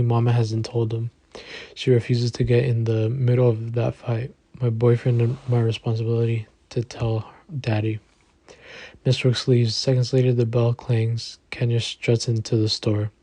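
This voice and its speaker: A man narrating an audiobook in the first person in an even, understated reading. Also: mid-range voice, moderate pace, no echo.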